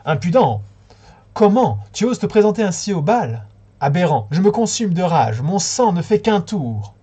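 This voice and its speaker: A raging wicked queen from a storybook, as a male reader puts her on, her voice pushed high and loud in shrill outbursts. The tone stays mellow and a little husky underneath. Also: very animated, moderate pace, exaggerated voice. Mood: enraged. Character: wicked haughty queen, enraged.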